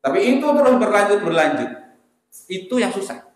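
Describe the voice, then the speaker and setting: A man preaches a sermon, his voice a little higher than most men's. He talks in a conversational way and keeps turning to the congregation with questions. The recording is very echoey, with his voice ringing through a mosque hall. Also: sing-song, brisk.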